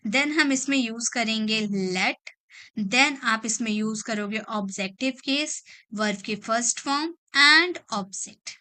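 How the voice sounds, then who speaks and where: A woman teaching spoken grammar, patiently explaining and repeating each example sentence slowly. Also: sits high, sharp tone. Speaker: English teacher. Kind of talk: spoken English grammar lesson.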